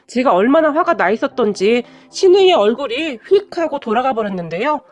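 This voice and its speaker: A woman narrating a first-person drama story in a dramatic, expressive storytelling manner. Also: high voice, a little fast.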